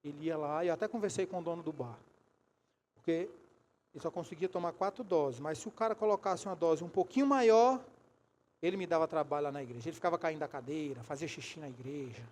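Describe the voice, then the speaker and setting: A man preaching a sermon in a Brazilian Portuguese accent, telling stories and acting out dialogue, moving from hushed asides to loud outbursts. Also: a little high, quick pace, a little hiss or hum. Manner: animated, acts out dialogue, swings from hushed to loud. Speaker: bishop. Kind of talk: sermon with storytelling. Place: church sanctuary.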